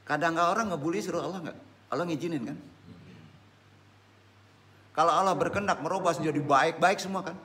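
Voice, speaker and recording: A man's voice: fairly high pitch, a little fast, pauses often. A man giving an informal Islamic study talk as a religious teacher, often putting questions to his listeners. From West Sumatra, Indonesia. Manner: animated, questioning the audience.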